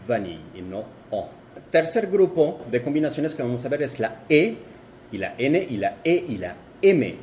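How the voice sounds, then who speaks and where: A man giving a video lesson, explaining slowly and repeating and exaggerating each example word. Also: medium pitch, a little mellow, a little hiss or hum. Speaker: French teacher.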